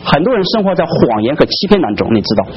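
A man's voice: on the high side, big pitch swings, fast talker, soft background music. A man preaching a sermon to a congregation, constantly putting rhetorical questions to his listeners. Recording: dull lo-fi recording.

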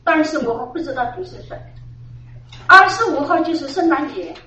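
A woman's voice: high voice, expressive, moderate pace, pushed and bright. A middle-aged woman giving an earnest personal testimony at a church gathering, repeating phrases and laughing now and then as she tells it. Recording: echoey, distant, dull room recording.

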